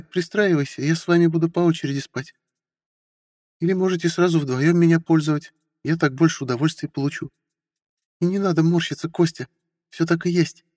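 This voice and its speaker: A man's voice: a little high, a little mellow, dry recording, clean studio sound, big-room sound, voice pushed up, close to an everyday voice. A man reading an audiobook who voices a bitter, hurt forty-year-old wife with a sarcastic manner. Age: 40s. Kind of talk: audiobook character voice.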